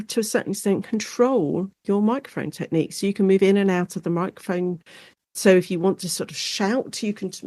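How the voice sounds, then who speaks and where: With a mid-range voice and no echo, an English-accented woman serves as an expert interview guest, explaining topics in a lively, casual, conversational style.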